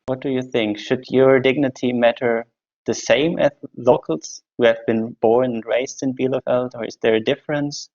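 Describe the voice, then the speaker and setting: A man's voice: mid-range voice, fairly even intonation, normal speed, a little mellow, no echo, muffled recording. A man hosting a lecture discussion, asking questions in a conversational way with brief fillers. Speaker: lecturer and host.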